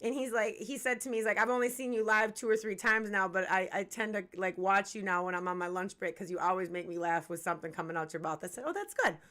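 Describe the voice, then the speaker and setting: A woman in her forties hosts a laid-back hip-hop interview livestream for a music review channel, chatting candidly in slang and swearing freely. Her voice is medium-pitched and a bit bright, and she talks fast with few pauses.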